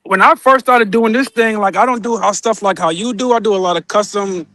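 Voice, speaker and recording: A man's voice: sits high, brisk, sharp tone. A man who makes custom clothing, joining a podcast in an easygoing, friendly way. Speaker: guest, custom clothing maker. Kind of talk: casual podcast talk.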